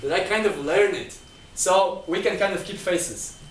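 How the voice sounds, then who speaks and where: A man speaks high and a little slowly as a guest speaker at a discussion group, giving a lecture-style talk indoors at a talk venue. He goes through numbered points with frequent restarts and repeated words, and his first language is not Chinese. Captured by a distant mic in an echoey room, the audio carries a little hiss or hum.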